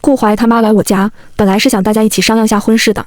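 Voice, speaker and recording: A woman's voice: fairly high pitch, flat delivery, racing, darkish tone, no room sound, clean studio sound. A young woman telling a first-person romance story, voicing all the characters in her own light voice. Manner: plays every character in the same light voice. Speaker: narrator.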